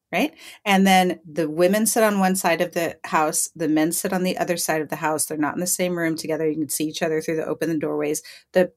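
A young woman guest chatting casually on a podcast, telling lively anecdotes and laughing often. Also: on the low side. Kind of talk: casual storytelling chat.

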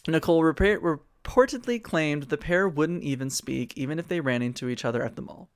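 A man with a slightly higher-than-average voice hosts a gossip podcast. He reads his script in a chatty way and keeps breaking off into joking asides. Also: brisk, smooth. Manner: chatty, reads notes then riffs with laughs and swearing. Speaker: podcast co-host. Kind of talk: casual pop-culture chat, reading a script.

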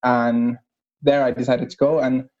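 A young man from northern Finland with a Finnish accent, a guest explaining his research at a measured pace. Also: medium pitch, flat delivery, a little mellow, lo-fi sound. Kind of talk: casual interview.

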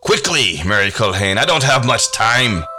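A man voicing an evil, scaly male creature from a grave, hungry and commanding, in a slow, hissing voice. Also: on the low side, big pitch swings, pushed and bright, faint music behind, full character voice. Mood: menacing.

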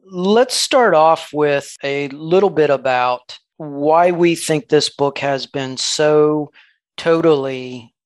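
A man co-hosting a podcast, talking about a novel in a measured, thoughtful way. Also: on the high side, dry recording. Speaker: podcast co-host. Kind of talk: casual literary discussion.

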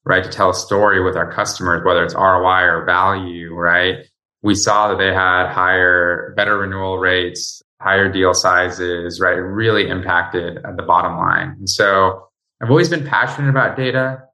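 A man's voice: low voice, fairly even intonation, moderate pace, pushed and bright. A man from Bosnia, a startup founder talking as a podcast guest in a conversational way that often tags sentences with "right?". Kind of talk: casual interview talk.

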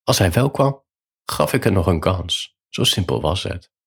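A man narrating a first-person bedtime story in a calm, measured way. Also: low voice, gravelly, breathy edge.

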